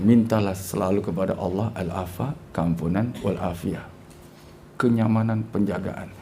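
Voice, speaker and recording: A religious teacher, a man with a dark, gravelly voice, telling a story to his class. He acts out the dialogue and drops in jokes. A faint noise sits behind him. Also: lowish voice.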